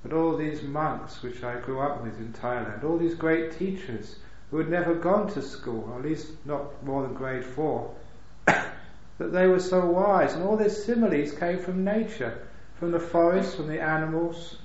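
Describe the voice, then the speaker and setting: A man gives a calm, unhurried dharma talk as a meditation teacher at a retreat, with light humor. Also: fairly high pitch. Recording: echoey hall, dull lo-fi sound.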